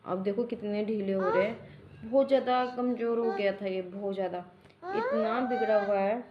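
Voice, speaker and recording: A woman's voice: mid-range voice, expressive, moderate pace, muffled recording, background noise. Young mother rambling in a home vlog. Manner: rambling, homely storytelling with many restarts. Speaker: mother vlogger.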